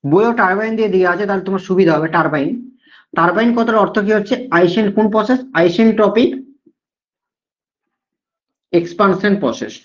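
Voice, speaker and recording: Fast-talking male teacher, dull recording. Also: sits high. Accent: Bengali. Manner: checks often if students follow, repeats key points. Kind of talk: classroom lecture. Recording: dull lo-fi sound.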